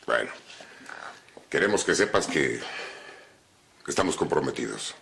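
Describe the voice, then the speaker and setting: A deep, low voice that moves a lot in pitch: a stern, wealthy middle-aged father in a telenovela. He is firm and scolding. A faint hiss runs under the voice. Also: sing-song, a little slow, vocal fry, a bit bright, exaggerated voice. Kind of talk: telenovela acting.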